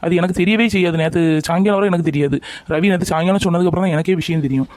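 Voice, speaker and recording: A man's voice: sits high, very fast, darkish tone, no echo. A young man in a scripted romantic drama, talking with reproach and coaxing. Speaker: lover in a family skit.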